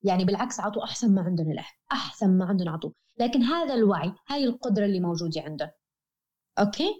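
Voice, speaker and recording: A woman with a Levantine accent talks quickly as a guest in a reflective interview. Her tone is soft-edged and mellow, and she is earnest and emphatic, circling back to key phrases. The recording is slightly dull and lo-fi. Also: medium pitch, animated. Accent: Levantine Arabic. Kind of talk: reflective explanatory conversation.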